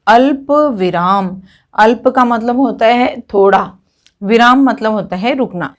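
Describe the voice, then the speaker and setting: Female teacher, slightly higher voice, patient step-by-step lesson delivery. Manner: explains step by step, repeating a stock opener before each point. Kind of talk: classroom grammar lesson.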